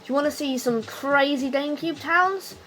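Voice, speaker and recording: A woman's voice: sits high, moderate pace, fairly bright tone, soft background music. A drunk woman on a rambling, unscripted rant about her hobby, loose-tongued, opinionated and emphatic in an exasperated way. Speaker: video game commentator.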